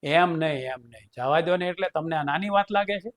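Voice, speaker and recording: A man's voice: a little high, fairly even intonation, fairly quick, natural voice. A man playing a strict male school trustee who scolds in a stern way.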